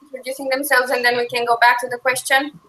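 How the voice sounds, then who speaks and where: Bright high-voiced woman hosting. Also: flat delivery. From Romania. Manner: upbeat, quick to laugh, steering the chat. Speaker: livestream host. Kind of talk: casual chat on a video call. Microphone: video call. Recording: echoey room over a video call.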